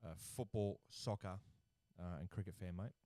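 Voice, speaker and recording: A man's voice: deep voice, moderate pace, no echo. A young Australian man hosting a casual cricket watchalong from his lounge room, laid-back and swearing freely. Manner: laid-back, swears, excitable over wickets. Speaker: watchalong host and commentator. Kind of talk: casual live-stream commentary.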